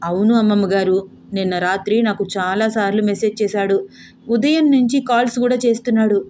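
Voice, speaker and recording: A woman's voice: medium pitch, steady tone, fairly quick, dark tone, slight background noise, natural voice. A woman voicing a cheerful, clever young woman who talks politely and playfully.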